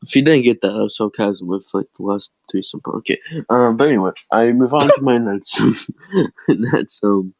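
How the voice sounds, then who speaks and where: A man's voice: fairly low pitch, normal speed, a little mellow, no echo, poor audio. A teenage boy co-hosting a casual chat, telling a rambling story full of swearing and laughs, his voice cracking often. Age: teens. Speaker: podcast co-host.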